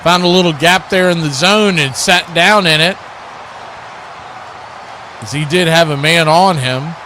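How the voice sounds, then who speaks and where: A slightly high-voiced man calls live American football play-by-play in a radio style, taking his time over background noise. He works as a play-by-play commentator and watch party host, firing off punchy short phrases packed with colourful action verbs.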